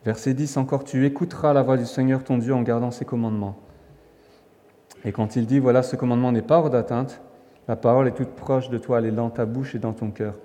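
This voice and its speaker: A man's voice: mid-range voice, steady tone, fairly quick, dark tone. A man from France preaching a sermon in a conversational, emphatic way, with restarts and fillers. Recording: long hall reverb.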